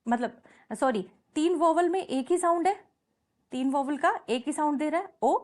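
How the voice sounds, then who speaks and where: In this classroom lesson, a woman teaches English with a high, slightly mellow voice at a moderate pace. She moves between Hindi and English, patiently repeats example words, and keeps asking questions to check that students understand.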